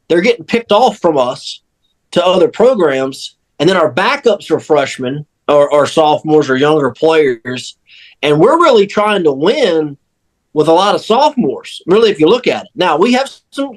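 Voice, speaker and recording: A man on a sports podcast crew, also a sports radio crew member and panelist, talks casually and emphatically, repeating phrases to hammer his points home. His voice is on the high side, and the audio is poor.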